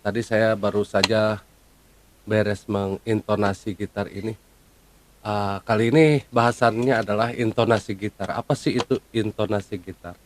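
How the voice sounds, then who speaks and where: A man's voice: lowish voice, steady tone, normal speed, slight background noise. A man casually explaining a guitar topic to viewers, with frequent fillers and a conversational, hands-on manner. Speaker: guitar tutor.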